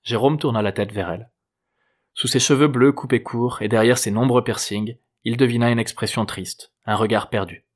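A man narrating a novel chapter in a measured, even storytelling manner. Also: medium pitch. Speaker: audiobook narrator. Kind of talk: scripted narration.

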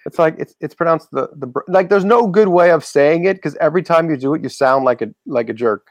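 A man's voice: a little high, a little fast, dry recording. A man hosting a podcast, chatting casually and rambling with lots of restarts. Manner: rambling, self-correcting, many fillers. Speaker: podcast host. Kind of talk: casual chat.

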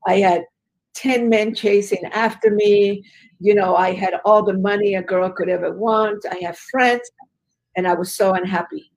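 Gravelly-voiced woman telling her story. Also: mid-range voice, steady tone, moderate pace, rough recording. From Chile. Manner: earnest, emphatic storyteller with fillers. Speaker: guest, business educator. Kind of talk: conversational storytelling interview.

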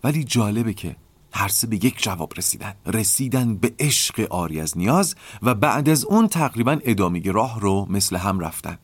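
A man hosting a podcast, calmly explaining ideas in a reflective lecture and often asking rhetorical questions. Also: fairly low pitch, husky, no room sound. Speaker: podcast host.

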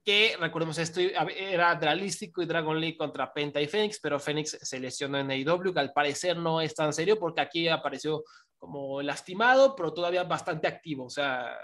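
A man, his voice sitting a little high, talks through a casual podcast breakdown. He sounds opinionated and keeps tagging his points with a quick question. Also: a bit bright. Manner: opinionated, often ends phrases with a questioning tag. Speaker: wrestling podcast co-host.

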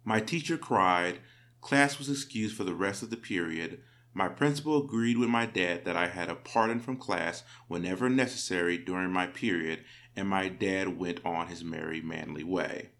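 A man narrating stories read from the internet in a steady, measured way. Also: low voice. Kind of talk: reading internet stories aloud.

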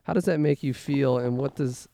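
A man with a relaxed, gravelly voice hosts casual banter, close and dry in sound. He speaks hesitantly, with a wry, teasing edge as he puts questions to his guests. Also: medium pitch, moderate pace, no room sound. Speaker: host of a fantasy football league podcast.

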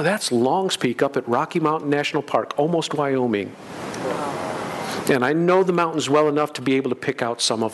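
Folksy American preacher, noisy rumbling recording. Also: male voice. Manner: folksy, unhurried, repeats phrases for emphasis. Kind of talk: storytelling sermon.

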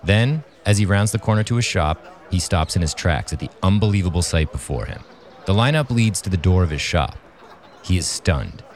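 Low-voiced man narrating a script, lively. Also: normal speed. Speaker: podcast host, narrator.

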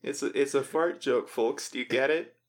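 A man's voice: mid-range voice, moderate pace. A man hosting a podcast, chatting casually in outtakes with wry, self-mocking jokes. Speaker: podcast host. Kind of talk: casual joking chat in outtakes.

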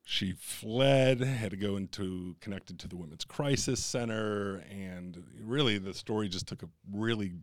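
An earnest man from Kentucky, interviewed as a podcast guest, speaks openly and steadily about his life. His voice sits low, and the recording is dry and close with no room sound. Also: a little slow, few pauses, no echo. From US Midwest, Kentucky. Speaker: guest, entrepreneur. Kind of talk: candid interview storytelling.

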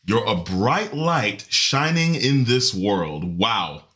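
A man hosting a casual livestream podcast, animated, laughing often and greeting chat by name. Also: fairly low pitch, slow. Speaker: podcast and stream host.

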